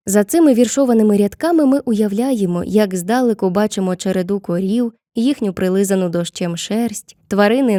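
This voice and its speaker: A woman's voice: medium pitch, dark tone, dry recording, clean studio sound. Woman narrating a scripted literature lesson. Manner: clear, measured explanation, reads poem lines slowly. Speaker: teacher.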